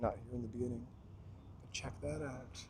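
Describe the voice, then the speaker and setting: A man livestreams a city walk outdoors, chatting casually with viewers in rambling asides. His mid-range voice holds a steady tone at a slightly quick pace, and he's a little out of breath from walking. Faint street noise sits behind him.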